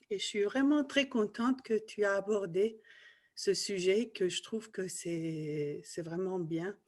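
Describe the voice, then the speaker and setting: A woman's voice: medium pitch, darkish tone. A woman from Iran, a participant on a video call, sharing her thoughts hesitantly with many fillers.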